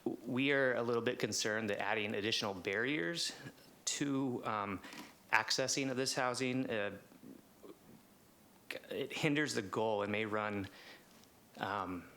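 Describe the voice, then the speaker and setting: An American man giving a polite, semi-formal public comment as an advocate, speaking haltingly with many fillers. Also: fairly low pitch, sharp tone, slight background noise. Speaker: housing coalition representative giving public comment.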